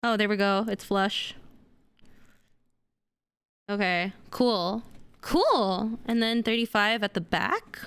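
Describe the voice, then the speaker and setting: A young Indonesian woman chats playfully while live-streaming herself building a model kit. Her mid-range voice is animated, slow, smooth and a bit bright, with long pauses.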